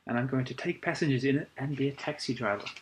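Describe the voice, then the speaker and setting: A man reading a happy, excited little storybook character in an ASMR role-play, full of gleeful wonder. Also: mid-range voice, quick pace, slight background noise, natural voice.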